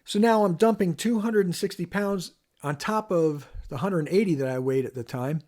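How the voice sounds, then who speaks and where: A slightly high-voiced man tells a story to camera in a relaxed, chatty way. He is animated and talks straight to the viewer, like a former officer recounting a call. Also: moderate pace. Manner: animated, acts out quoted voices with sharp rises in pitch; conversational, addresses the viewer directly. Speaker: former police officer telling a personal story. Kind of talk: casual first-person storytelling to camera.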